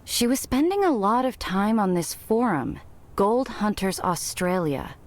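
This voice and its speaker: A woman's voice: medium pitch, lively intonation, unhurried, darkish tone, lightly acted. An actress playing an earnest, inquisitive young woman in video game dialogue, speaking sincerely. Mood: worried.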